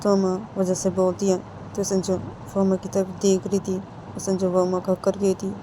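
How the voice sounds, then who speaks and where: A woman's voice: mid-range voice, monotone, normal speed, noisy background. A woman telling a love story in a loose, casual way, often filling with "wo" as she goes. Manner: loose retelling, repeating "wo" as a filler. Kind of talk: casual spoken story narration.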